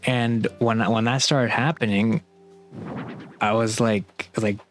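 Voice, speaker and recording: A man's voice: on the low side, steady tone, slow, soft background music. Rambling young guy telling a story. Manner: rambling, heavy use of "like", restarts; exasperated, bewildered retelling. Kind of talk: casual storytime.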